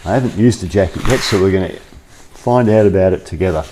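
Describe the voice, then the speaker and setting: His voice sits low and moves at a quick pace, with background noise behind it. In a cold workshop, this vlogger delivers a relaxed, talkative product review, musing aloud into a clip-on lapel mic.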